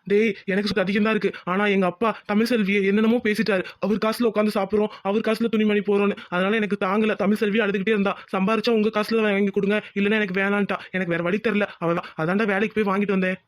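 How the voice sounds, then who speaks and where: Fast and high-pitched, a man doing a devoted young village husband in a cartoon, fond and reassuring with his wife. The lines come quickly and the tone stays gentle and earnest. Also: flat delivery, no room sound, close to an everyday voice. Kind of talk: animated cartoon voice acting.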